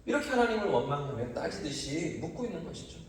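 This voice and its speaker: A man's voice: a little high, very animated, quick pace. A man preaching as pastor at a dawn prayer service, asking rhetorical questions and rising to emphatic cries. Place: church sanctuary. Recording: distant mic, heavy church echo.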